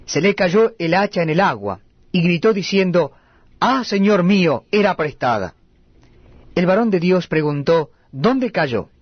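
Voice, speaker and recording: A man reading scripture aloud at a steady, measured cadence. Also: fairly high pitch, no room sound, dull audio. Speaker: Bible reader.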